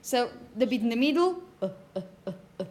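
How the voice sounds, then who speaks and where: A woman with a darkish, high-leaning voice lectures briskly with lively intonation on phonetics, emphasizing and explaining example words and asking her students frequent check-in questions. This is recorded indoors in a classroom with echo and background noise.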